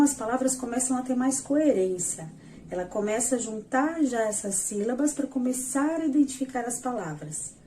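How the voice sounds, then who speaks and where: Patient woman explaining slides, mellow voice. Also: on the high side, slight background noise. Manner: patient, explains step by step, addresses viewers directly. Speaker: educational psychologist teaching. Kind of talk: explanatory lesson over slides.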